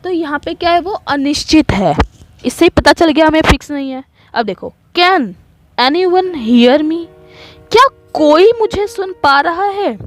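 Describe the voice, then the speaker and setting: A woman teaching an online English grammar lesson in Hindi. She reads each example sentence slowly, explains it, and keeps checking in with the class. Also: sits high, expressive, faint music behind.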